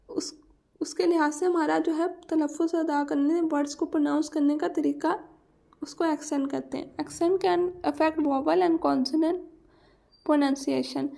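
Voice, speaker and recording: A Pakistani woman teaching a lesson on pronunciation, reading English points slowly and then explaining them in Urdu. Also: sits high, vocal fry, mellow.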